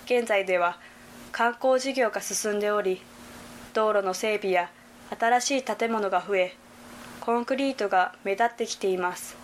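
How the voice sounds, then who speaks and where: A young woman from Hyogo narrating a prepared report, reading in a careful, measured way. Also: medium pitch, slight background noise. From Hyogo Prefecture, Japan. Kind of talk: scripted narration.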